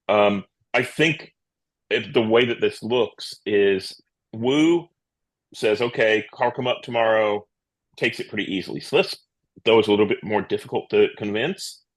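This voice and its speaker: Husky, low-voiced male tabletop gamer. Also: moderate pace, low-quality recording. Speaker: tabletop game player. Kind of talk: casual game chat.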